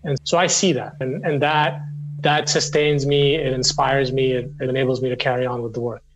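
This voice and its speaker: A man in his forties talks earnestly about his legal work in an interview. His voice sits at a middle pitch, and he often restarts and repeats words as he thinks. He is a lawyer from Syria who grew up in the Middle East. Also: flat delivery, brisk, dull audio. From Syria, raised in the Middle East. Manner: earnest, speaks in restarts and repetitions.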